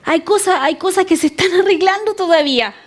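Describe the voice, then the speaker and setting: Woman pastor, high voice, earnest sermon delivery that leans on repetition. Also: brisk. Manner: earnest, repeats words for emphasis; acts out prayers in a pleading voice.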